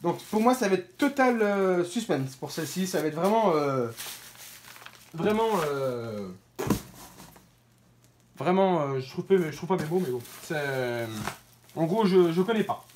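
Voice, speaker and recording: A woman's voice: fairly low pitch, lively intonation, unhurried, long pauses, a little mellow, a little hiss or hum. A woman hosting her own channel, giving casual unboxing commentary to viewers, hesitant, with many fillers and self-corrections. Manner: informal, talks straight to viewers. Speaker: fireworks channel host.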